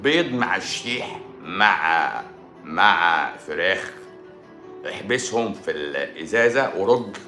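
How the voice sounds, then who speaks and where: A man's voice: deep voice, lively intonation, takes it slowly, pushed and bright. A man with an Egyptian Arabic accent hosting a live stream, answering viewer questions in a joking, sarcastic manner. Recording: roomy echo with music behind.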